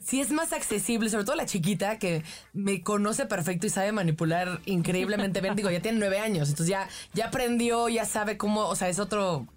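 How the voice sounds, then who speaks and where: A woman's voice: medium pitch, normal speed. A woman with a Mexican accent, a mother and podcast guest talking casually with many restarts. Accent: Mexican Spanish. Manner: talkative, many restarts and fillers. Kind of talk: casual chat.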